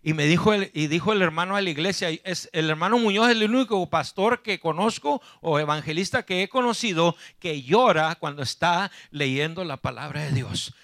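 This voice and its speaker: A man preaching a sermon in church, fervent and emotional, constantly calling out to his brothers and rising to shouts. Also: on the high side, moderate pace, vocal fry, few pauses, dry recording, studio quality. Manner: fervent, calls out "hermano" constantly, rises to shouting.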